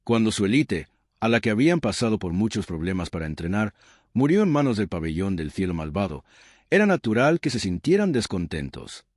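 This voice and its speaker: Lively low-voiced male recap narrator. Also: fairly quick, no room sound, studio quality. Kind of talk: scripted story recap narration.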